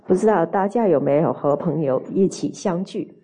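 Lady interpreting a sermon line by line, lowish mellow voice, lots of "ah" and "er". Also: lively intonation, normal speed, husky. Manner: hesitant, fills gaps with "ah" and "er" while translating.

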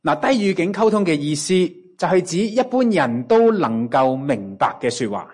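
A man's voice: on the high side, sing-song, a little mellow, breathy edge. Cantonese-accented man preaching a sermon. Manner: pauses often, starts phrases with a drawn-out interjection. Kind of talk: sermon in Cantonese with live interpretation.

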